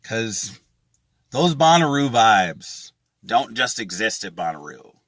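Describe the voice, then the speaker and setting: A man's voice: on the low side, big pitch swings, takes it slowly, fairly bright tone, no room sound. A man speaking casually and earnestly to his viewers as a music festival vlogger, with emphatic phrasing. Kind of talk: casual to-camera vlog.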